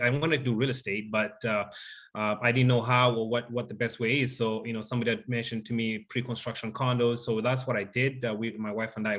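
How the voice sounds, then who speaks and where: Guest, man from Uganda, 30s, mid-pitched voice; easygoing storyteller who leans on fillers. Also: a bit bright. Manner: grateful, storytelling, many "uh" fillers. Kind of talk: casual interview chat.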